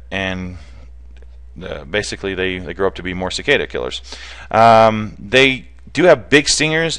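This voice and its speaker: Speaking in a clean voice that leans low with a slight brightness, this bee removal specialist presents informally and without a script. His explanations come across plainly and conversationally, hands-on in style.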